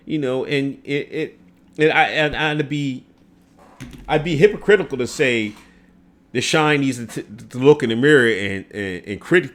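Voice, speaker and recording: Lively, animated man hosting a livestream. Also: mid-range voice. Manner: animated, laughing often, many fillers. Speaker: show host. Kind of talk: casual livestream commentary.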